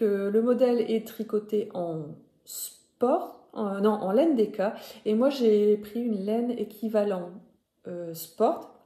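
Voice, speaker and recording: Her voice is mid-range and warm as she hosts a knitting podcast, speaking with the Ch'ti accent of northern France. She chats casually and hesitantly, frequently correcting herself, and the recording has an echoey room sound.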